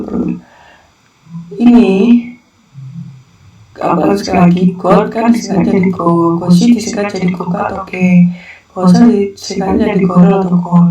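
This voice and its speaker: A teacher with a gravelly, mellow voice talks through a casual lesson, relaxed and repetitive. The sound is roomy and a little distant from the mic. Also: medium pitch, dull audio. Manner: relaxed, chatty explaining with frequent repetition. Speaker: Korean language teacher.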